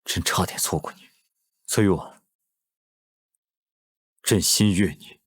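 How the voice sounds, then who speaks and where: An actor playing an indulgent, commanding emperor in a costume drama, with stately, measured speech and a husky voice. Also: male voice, low voice, steady tone, full character voice. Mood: tender, earnest. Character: indulgent, commanding emperor devoted to his consort.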